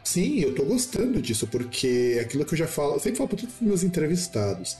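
A man's voice: on the high side, very animated, fast, darkish tone, soft background music. A man hosting a casual interview, talking in a conversational, enthusiastic way.

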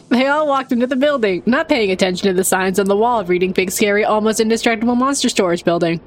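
A woman's voice: mid-range voice, fast talker. A woman reading a comic story aloud as its dramatic narrator.

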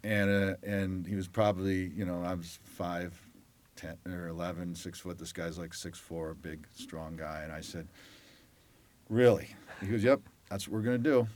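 A man with a fairly low voice recounts his playing days as an interview guest. He tells it with energy, acting out the coach, the crowd and the rival in his own voice. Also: normal speed. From Detroit, Michigan. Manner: animated storyteller who acts out quoted voices. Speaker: guest, former lacrosse player. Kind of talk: conversational storytelling.

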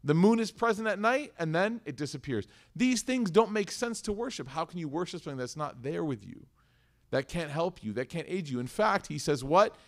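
A man in his thirties giving a lively religious lesson, acting out quoted voices and reciting verses quickly. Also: on the high side. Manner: lively storytelling, acts out quoted voices, swings from loud to soft. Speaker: Islamic teacher. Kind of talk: animated sermon talk.

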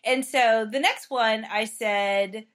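Casting: female learner-host, native Spanish speaker, fairly high voice, chatty lesson style, keeps checking she has it right. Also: slow, fairly bright tone. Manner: checks understanding with frequent short questions. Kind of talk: conversational language lesson.

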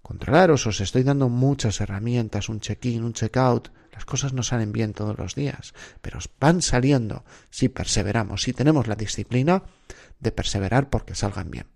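Gravelly man coaching exam candidates. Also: medium pitch, normal speed, a little mellow. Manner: direct, exhorting, rhetorical questions. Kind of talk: unscripted motivational podcast talk.

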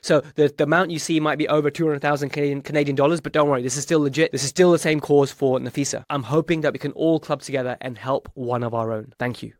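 A man with a slightly high voice talks very quickly as a podcast host. His delivery is chatty, informal and enthusiastic, and the recording is dry and close. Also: steady tone, dry recording.

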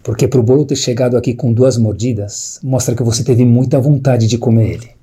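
A tender, learned father in a told story, speaking low and hushed, as a man puts him on. The voice is warm and husky, and it stays soft and quiet. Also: steady tone, brisk, lightly acted. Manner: low, quiet, gentle speech.

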